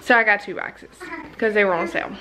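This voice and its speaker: A woman's voice: mid-range voice, steady tone, fast, bright, forceful tone. A young adult woman and mother chatting casually to a handheld camera at home, rambling and breaking off to talk to her children. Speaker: vlogger and mother. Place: indoors at home. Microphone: handheld compact camera.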